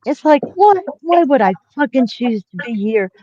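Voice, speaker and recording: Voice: medium pitch, sing-song, moderate pace, warm tone, a little hiss or hum. A person in their sixties calling into a casual panel, venting with frustration and a lot of swearing. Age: 60s. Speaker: panel caller. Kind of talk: casual chat. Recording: dry, muffled lo-fi line.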